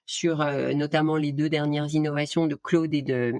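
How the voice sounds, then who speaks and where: Woman guest, gravelly voice, dry close sound, hesitant with restarts. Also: sits low, flat delivery, moderate pace, darkish tone, no echo. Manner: hesitant, many restarts and fillers. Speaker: guest, art director and AI trainer. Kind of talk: casual interview talk.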